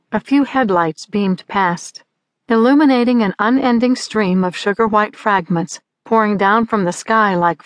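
A woman narrating literary fiction in a measured, unhurried voice. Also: mid-range voice, no echo, studio quality. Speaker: audiobook narrator.

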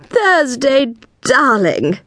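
A woman's voice: high-pitched, sing-song, a bit bright, dry recording, studio quality, pitched above the performer's own voice, full character voice. A woman doing a gushing, flamboyant PR agent. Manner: effusive, theatrical, drawn-out delivery. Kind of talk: audiobook character voice.

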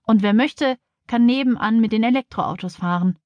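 A woman's voice: fairly high pitch, normal speed, no room sound, lo-fi sound, lightly acted. Woman doing a flustered, fussing schoolteacher. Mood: brisk. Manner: fussing, alarmed. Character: flustered, anxious female schoolteacher.

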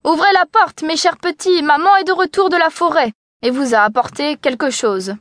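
A woman's voice: sits high, normal speed, a bit bright, no echo, studio quality, voice pushed up. A woman doing a sly wheedling wolf. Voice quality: rough under the sweetness. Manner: wheedling and coaxing. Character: sly male wolf faking a sweet mother voice. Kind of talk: storybook reading.

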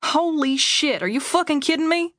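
A hot-headed teenage boy who swears and exclaims at everything, as a woman reads him. The voice sits fairly high and sounds close and dry. It comes from an audiobook. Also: lively intonation, normal speed, a bit bright, no room sound. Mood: outraged. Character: brash foul-mouthed excitable teenage boy. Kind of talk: audiobook character voice.

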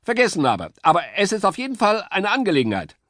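A man's voice: sits high, huge pitch swings, fast talker, a bit bright, no echo, studio quality, pitched above the performer's own voice, heavily acted. A man voicing a fussy, forgetful male woodpecker in a children's audiobook, talking pompously. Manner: pompous, chattering.

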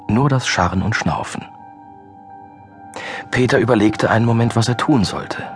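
A man reading a thriller audiobook in a measured, suspenseful narration. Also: fairly low pitch. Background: music.

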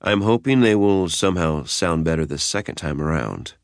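A terse, exasperated grown man, voiced by an audiobook narrator with a very low voice and flat, deadpan replies. The recording is close and dry, with no room sound at all. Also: normal speed, dry recording. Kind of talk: audiobook character voice.

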